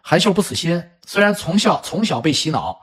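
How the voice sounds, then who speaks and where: Husky, animated middle-aged storyteller man. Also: fairly high pitch, fairly quick. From China. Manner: animated, chatty, with spoken asides. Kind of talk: casual storytelling commentary.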